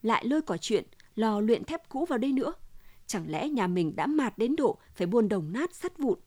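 A woman's voice: fairly high pitch, big pitch swings, moderate pace, warm tone, dry recording. A woman voicing a distraught wife who keeps pressing her husband for the truth, in an insistent, pleading manner.

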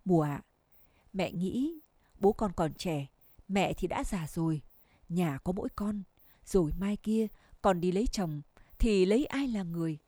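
A woman's voice: fairly low pitch, expressive, measured pace, pauses often, warm tone, no room sound. A woman reading the lines of a sorrowful middle-aged village wife who laments her fate.

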